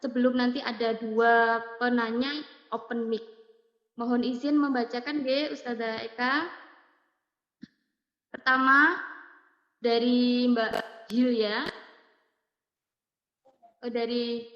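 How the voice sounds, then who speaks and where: A woman's voice: a little high, steady tone, takes it slowly, pauses often. A woman moderator politely reading out audience questions to the teacher. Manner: polite, deferential. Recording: echoey, dull lo-fi sound.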